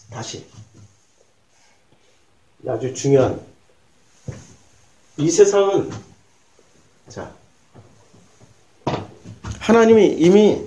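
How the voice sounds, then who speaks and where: A male pastor with a high voice and dark tone delivers a sermon. He poses questions to his listeners and answers them himself, acting out short quoted lines along the way.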